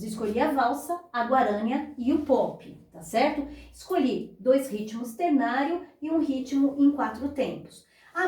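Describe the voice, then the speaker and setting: A woman's voice: sits high, a little mellow. A woman teaching beginners guitar, explaining patiently step by step and counting beats aloud. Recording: echoey room, voice a bit far from mic, guitar playing.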